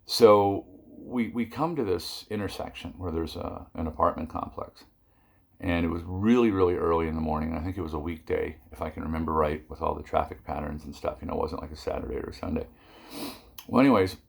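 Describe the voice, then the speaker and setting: A man's voice: sits low, creaky, slightly rough. An older man telling a rambling personal story in a casual vlog, with many fillers and asides.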